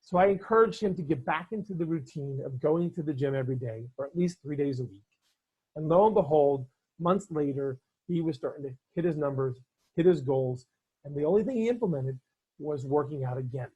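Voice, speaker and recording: A man's voice: on the high side, a little fast, darkish tone, husky, highs cut off. A man, a business coach, talking earnestly to camera and telling client stories. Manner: earnest storytelling. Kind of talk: motivational talk to camera.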